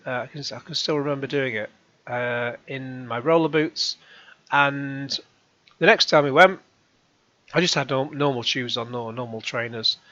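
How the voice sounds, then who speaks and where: A middle-aged man hosting his own channel, reading out comments and answering them with sarcasm and rambling asides, his voice going hoarse. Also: mid-range voice, fairly bright tone, dry recording, lo-fi sound. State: hoarse, coughing. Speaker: YouTube channel host.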